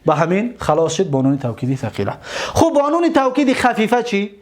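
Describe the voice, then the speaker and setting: High-voiced man teaching grammar. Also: lively intonation. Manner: slow drawn-out recitation of word forms; repeats and asks students if they follow. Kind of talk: Arabic grammar lesson.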